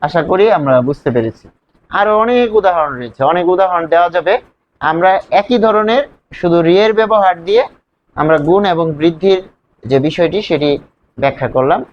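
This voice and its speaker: A man's voice: sits high, lively intonation, a little fast, highs cut off. A man teaching a grammar lesson, explaining step by step and asking his students questions as he goes. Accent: Bangladeshi Bengali.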